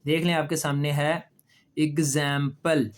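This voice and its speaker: A man teaching a pronunciation lesson, patiently repeating example words slowly for children and asking them questions. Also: on the high side. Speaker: English teacher. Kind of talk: classroom lesson explaining pronunciation.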